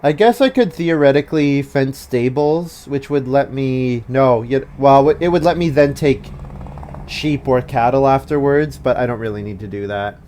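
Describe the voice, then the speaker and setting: A man's voice: medium pitch, normal speed, warm tone, a little hiss or hum. A man thinking aloud as he plays a board game, casual and self-mocking. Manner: thinking aloud, self-mocking, chuckles at his own moves. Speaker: board game player narrating his turns. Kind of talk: casual play commentary.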